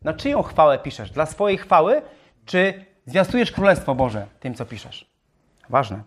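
A man's voice: a little high, sing-song, unhurried, breathy edge. A man preaching a sermon, firing rhetorical questions at his congregation. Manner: self-described talker.

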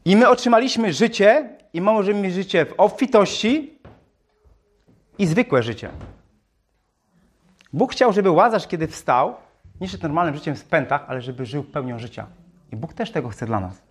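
A man's voice: high-pitched, expressive, normal speed, long pauses, husky. A man preaching a sermon, reading Bible verses aloud and explaining them, often asking his listeners questions and repeating phrases.

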